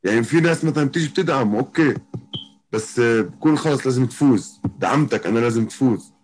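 Talking fast and animatedly at a medium pitch, this Jordanian MMA fighter has a darkish tone and a Palestinian-Jordanian Arabic accent. As a guest in a casual interview, he keeps circling back over what he's said.

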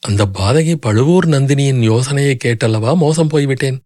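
A man's voice: medium pitch, normal speed, darkish tone, dry recording, natural voice. A man voicing a grief-stricken young noblewoman who pleads desperately through sobs. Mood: grieving plea.

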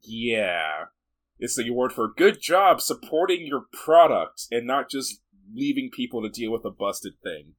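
A man's voice: medium pitch, very animated, unhurried. A man co-hosting a podcast, chatting casually about video games and movies, swearing offhandedly and laughing often. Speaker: podcast co-host.

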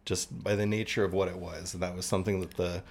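Guy w a lowish voice chatting on a podcast, thoughtful, explains stuff earnestly. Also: level tone, quick pace, vocal fry, breathy edge. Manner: earnest, thoughtful policy explainer who laughs at himself. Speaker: podcast guest, cannabis trade group representative. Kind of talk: casual chat.

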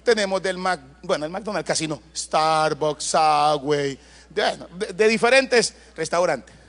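In a church, a pastor with a strikingly high voice gives a sermon at a slightly slow pace. His preaching is animated, punctuated by loud bursts and side remarks to the congregation while he recounts family stories.

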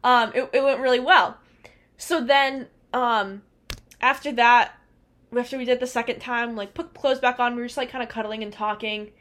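A woman in her twenties, co-hosting a podcast, rambles through a personal story in a casual chat, filling gaps with "like" and "um" and laughing often. Her voice is on the higher side and fairly bright, with fairly even intonation and a moderate pace.

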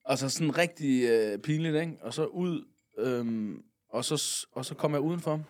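A man from Funen chats as a podcast guest, spinning out a long anecdote. He rambles easily, filling the gaps with little hesitations and tossing in casual curses. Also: mid-range voice. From Funen, Denmark. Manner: rambling, with many fillers and casual swearing. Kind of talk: casual storytelling.

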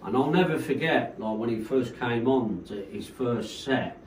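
A man's voice: mid-range voice, animated, normal speed, distant mic, slight background noise. Man, promoter, chatty rambling storyteller, recorded roomy and a bit off-mic. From Coventry, England. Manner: rambling, peppered with "like, you know". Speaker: rave promoter, guest. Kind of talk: casual storytelling interview.

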